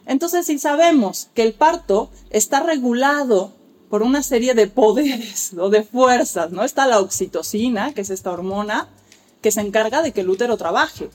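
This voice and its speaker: A woman's voice: a little high, lively intonation, normal speed, darkish tone. A woman, speaking as an expert guest and explaining childbirth care in an articulate, lecturing way. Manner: articulate, lecturing, acts out quoted dialogue. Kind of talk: explanatory interview talk.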